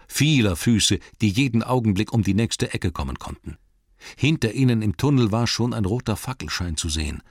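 A man narrating a storybook in a measured, dramatic reading, slowing down for emphasis. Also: lowish voice, no echo, clean studio sound. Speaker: audiobook narrator.

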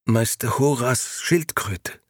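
A man voicing a little girl who is frozen and barely conscious, speaking weakly and haltingly. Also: mid-range voice, dry recording, clean studio sound, voice pushed up. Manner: weak, faltering, halting.

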